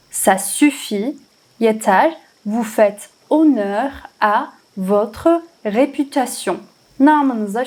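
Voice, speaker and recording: Higher-voiced woman teaching a language lesson. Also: darkish tone. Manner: repeats phrases slowly, word by word, then translates; casual, thinking aloud about translations. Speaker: French teacher. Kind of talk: language lesson translating game dialogue.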